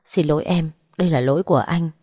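A woman voicing a tender, remorseful young man who pleads gently and apologetically. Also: sits low, fast talker, husky, dry recording, studio quality.

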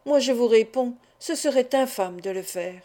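A woman's voice: a little high, normal speed, dark tone, lightly acted. A woman reading the part of a proud society lady who scolds a man in a cold, reproachful tone. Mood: scornful.

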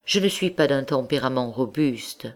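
Une femme faisant la voix d'un prêtre confesseur doux et fatigué, patient et posé, dans un livre audio. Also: female voice, very deep voice, animated, normal speed. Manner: patient, reasoning, formal. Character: gentle, tired male priest-confessor.

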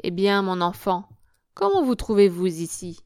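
A woman's voice: mid-range voice, moderate pace, darkish tone, no echo, clean studio sound, lightly acted. A woman reading as a sly, wheedling male doctor. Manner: smooth, wheedling, falsely kind. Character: sly middle-aged male asylum doctor.

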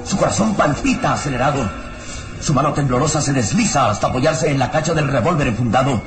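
A man's voice: medium pitch, animated, a little fast, music in the background. A man narrating a radio serial in a solemn, suspenseful, theatrical style. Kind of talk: dramatic scripted narration, old radio serial.

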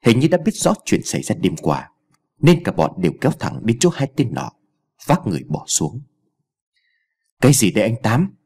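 Husky, expressive male storyteller. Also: fairly low pitch, normal speed. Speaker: audiobook narrator. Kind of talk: scripted story narration.

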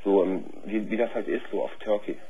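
A man calling in to a radio show and talking openly in a halting, slangy way, with many fillers. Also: lowish voice, steady tone, breathy edge. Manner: halting, plain-spoken, full of fillers like "so" and "ähm", slangy. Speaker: caller. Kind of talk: candid phone-in confession. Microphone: telephone line. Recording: tinny phone line with faint hiss.

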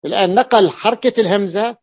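A man's voice: high-pitched, quick pace. A man teaching a lesson, patiently explaining a classical grammar text and repeating key points for his students. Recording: dull lo-fi recording.

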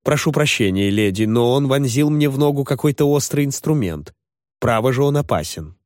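A kindly, fussy older gentleman, voiced by a male narrator speaks politely and nervously, with a lively, varied tone. The recording is close and dry. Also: mid-range voice, moderate pace, no echo, lightly acted. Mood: uneasy.

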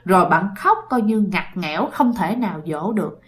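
A woman's voice: mid-range voice, lively intonation, normal speed. A woman narrating a ghost story in a chatty way, speaking directly to her listeners.

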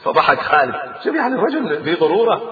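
A man giving a lively, dramatic history lecture as a storyteller, acting out the dialogue, recorded in an echoey hall. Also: high voice, racing, narrow, tinny audio.

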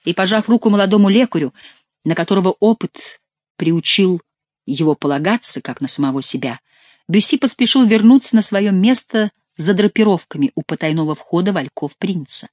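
A narrator giving an expressive, theatrical reading of a historical novel. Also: mid-range voice, fairly quick, no room sound. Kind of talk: audiobook narration.

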